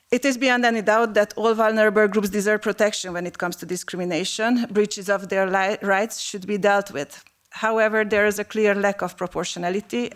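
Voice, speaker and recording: A woman, originally from Romania, delivers a prepared speech to a panel. Her pitch sits at an ordinary middle height, and she reads in a steady, measured and formal manner. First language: Hungarian. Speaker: panel speaker.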